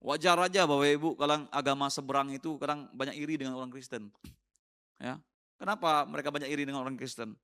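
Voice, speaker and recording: Bright-voiced man preaching a sermon. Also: fairly even intonation, fast. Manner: conversational, peppered with tag questions to the congregation; teasing, with bursts of laughter and high mocking exclamations. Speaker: pastor.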